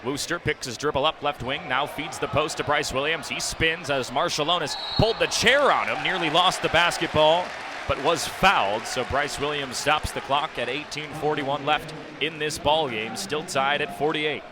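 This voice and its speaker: A young adult man with a slightly high voice calls live basketball play-by-play for radio, rapid and descriptive, rising to excited shouts on big plays. The broadcast comes from a noisy indoor arena, with loud game noise and bouncing balls behind him.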